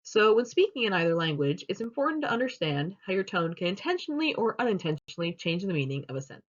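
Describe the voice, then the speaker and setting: A young woman delivers a class presentation, walking through her points in a steady, explanatory way. Her pitch moves around a lot, giving the talk a lively lilt. The recording sounds a bit dull and lo-fi. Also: fast. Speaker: student presenter.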